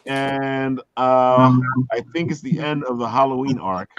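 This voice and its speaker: A man's voice: medium pitch, fairly even intonation, unhurried, highs cut off, slight background noise. A man with a Brooklyn accent hosting a show in casual, chatty talk. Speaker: host of a comics and convention talk show. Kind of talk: casual chat.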